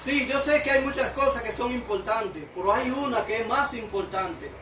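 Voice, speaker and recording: A man's voice: very high voice, moderate pace, background noise. A man preaching a sermon, asking the listeners one question after another. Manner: asks the listeners many questions. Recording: echoey room, mic at a distance.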